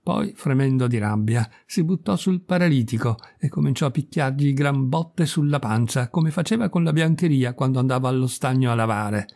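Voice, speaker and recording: A man narrating a short story in a lively, expressive reading voice. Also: mid-range voice, normal speed, hardly any pauses.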